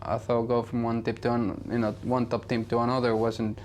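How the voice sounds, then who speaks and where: Flat-voiced racing driver, casual interview. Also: male voice, medium pitch, fairly quick, a little hiss or hum. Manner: casual, lots of "you know". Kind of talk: interview answers.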